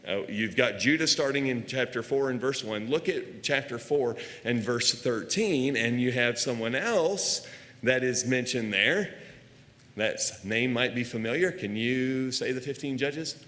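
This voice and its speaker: A man's voice: medium pitch, unhurried, fairly bright tone, in a large hall. A man with an American accent preaching a Sunday evening sermon in a church, teaching conversationally and putting questions to the congregation. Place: church auditorium.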